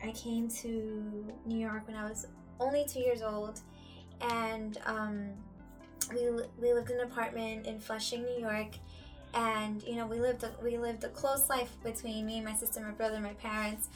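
A woman's voice: on the high side, flat delivery, moderate pace. A woman in her thirties, born in Ecuador, founder of a music school, telling her story in an earnest way with many fillers and restarts. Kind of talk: casual interview.

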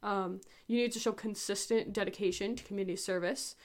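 A woman's voice: medium pitch, steady tone, a little fast. A teenage girl hosting a casual advice chat, rambling and chatty with lots of fillers. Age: teens. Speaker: host.

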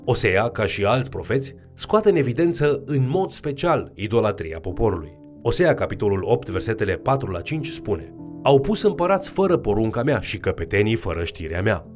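A man's voice: lowish voice, big pitch swings, soft background music. A man giving a scripted Bible lesson, reading scripture with added emphasis. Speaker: Bible teacher.

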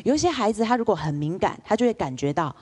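A woman's voice: medium pitch, quick pace, husky. A woman lecturer, telling stories in a public lecture and asking the audience questions. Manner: lively storyteller, asks the audience rhetorical questions.

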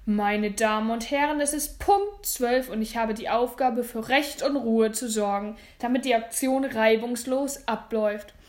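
A stern male police commissioner , as a woman reader puts him on, announces in a loud, official manner. It comes from a storybook audiobook, voiced lower than the reader's narration. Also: a little slow, few pauses, natural voice.

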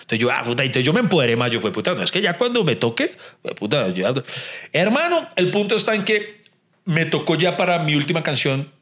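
Colombian man, chatty storyteller, jokey and expressive, pitch leaps high when he acts out scenes. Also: brisk. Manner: animated, jokey, swears freely, acts out dialogue. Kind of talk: casual storytelling chat.

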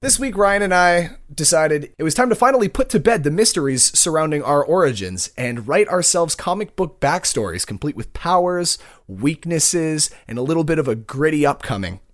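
A man's voice: a little high, sing-song, normal speed, no room sound, clean studio sound. A man hosting a podcast in casual, joking chat, swearing freely. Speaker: podcast host.

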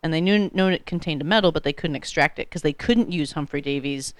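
Low-voiced woman, dry close sound. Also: fast talker, no room sound. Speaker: podcast co-host. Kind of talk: casual science chat.

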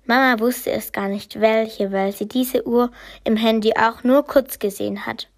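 A woman telling a children's story aloud in a gentle, unhurried way, with small restarts as she goes. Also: a little high, fairly even intonation.

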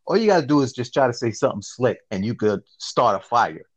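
A man hosting a casual podcast, telling stories in an animated, slangy way and often asking "you see what I'm saying". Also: medium pitch, fairly quick. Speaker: podcast host. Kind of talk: casual chat.

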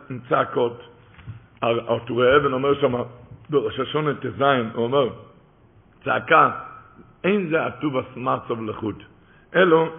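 A man giving a sermon with emphatic delivery, repeating key phrases and quoting sources in a chanting cadence. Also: a little high. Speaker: rabbi. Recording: tinny phone-like recording.

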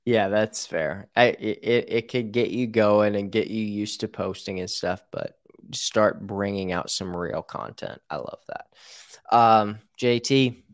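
A man's voice: on the low side, takes it slowly, dry recording, clean studio sound. An American man hosting a casual interview, informal and rambling, acting out example quotes as he talks. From United States. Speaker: show host.

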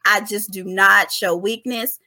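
A woman's voice: medium pitch, steady tone, measured pace, pushed and bright. A woman co-hosting a podcast in casual chat, emphatic and chatty, calling listeners "y'all.". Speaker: podcast co-host.

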